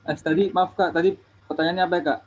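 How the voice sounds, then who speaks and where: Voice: mid-range voice, steady tone, fast. A participant with an Indonesian accent chatting casually in a study group and correcting themselves. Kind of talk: casual discussion. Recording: dull online call audio with faint noise.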